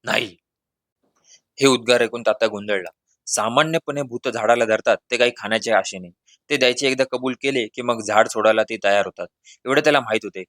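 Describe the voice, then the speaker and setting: A man narrating a humorous village story in a measured, lively reading. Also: mid-range voice, dry recording, clean studio sound.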